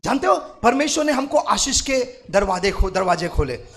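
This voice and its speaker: A man preaching a sermon at a night prayer meeting, repeating phrases and swinging from quiet murmurs to loud shouts as he calls out to the congregation. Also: high-pitched, big pitch swings, moderate pace. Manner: repetitive, call-and-response with the congregation. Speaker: pastor. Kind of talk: Hindi sermon.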